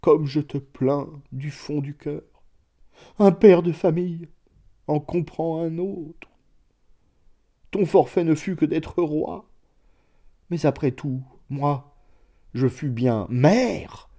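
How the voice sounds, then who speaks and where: A man's voice: medium pitch, lively intonation, slow, vocal fry, long pauses, warm tone, breathy edge, voice pushed up, exaggerated voice. A man voicing a sentimental middle-aged bourgeois, a former mayor, speaking in an emotional, sobbing way in a storybook reading.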